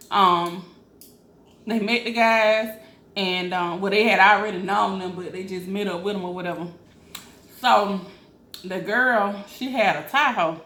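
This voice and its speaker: A woman's voice: mid-range voice, a bit bright. A woman chatting informally in a rambling storytime style during a mukbang. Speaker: mukbang vlogger. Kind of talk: casual storytime chat while eating. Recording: roomy echo, faint background noise.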